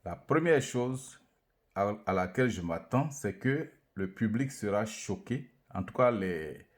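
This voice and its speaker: Slow, deliberate low-voiced man teaching. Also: lively intonation. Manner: slow, deliberate, repeats syllables to demonstrate tones. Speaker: language teacher presenting an alphabet. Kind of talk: lecture with slow syllable-by-syllable reading drills.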